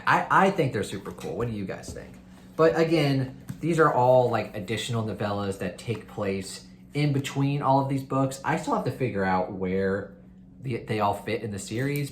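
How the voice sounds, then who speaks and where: Hosting a readalong, a male book reviewer chats with viewers in a casual, enthusiastic way, recommending books. His voice is lowish, with a faint hiss or hum in the background.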